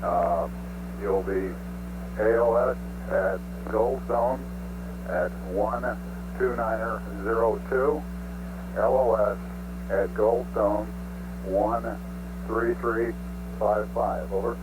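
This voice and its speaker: A man at mission control making measured, clipped procedural calls to a spacecraft over radio. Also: lowish voice, steady tone. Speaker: mission control capsule communicator. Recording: noisy humming archival radio loop.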